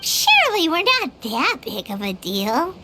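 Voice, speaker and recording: Paimon, a squeaky little fairy companion. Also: female voice, very noisy, exaggerated voice. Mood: modest. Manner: excitable, exclamatory, quick to protest. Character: tiny floating fairy-like companion, excitable and chatty. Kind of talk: game voice acting. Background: loud game music.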